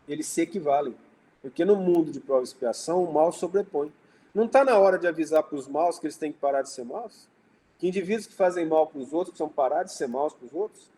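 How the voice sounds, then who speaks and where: A man with a Brazilian Portuguese accent, a spiritist lecturer, gives a relaxed religious study talk full of anecdotes and acted-out dialogue. His voice is fairly high and warm, heard on a low-quality recording with slight background noise.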